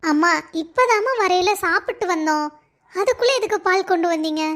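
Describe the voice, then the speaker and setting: A woman's voice: very high voice, fairly quick. A woman voicing a tender young cartoon wife. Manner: soft, affectionate. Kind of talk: Tamil cartoon voice acting.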